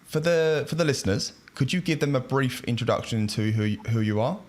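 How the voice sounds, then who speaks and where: A man's voice: mid-range voice, fairly quick, darkish tone. A man hosting a podcast, asking short, friendly questions of his guest. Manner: friendly, brief prompting questions. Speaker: podcast host. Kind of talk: scripted intro then interviewing.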